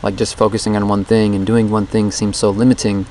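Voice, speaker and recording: A man with a slightly low voice talks casually into a handheld voice recorder outdoors. His delivery is even and barely varies in pitch as he rambles introspectively, like an audio diary. The dictaphone recording carries faint background noise. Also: fairly quick. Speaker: vlogger recording a daily challenge diary. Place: outdoors under a bridge.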